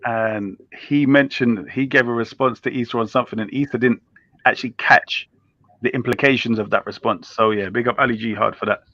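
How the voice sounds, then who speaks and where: A man's voice: medium pitch, steady tone, brisk, bright, forceful tone, no room sound, highs cut off. A man explaining his points assertively in a casual panel debate.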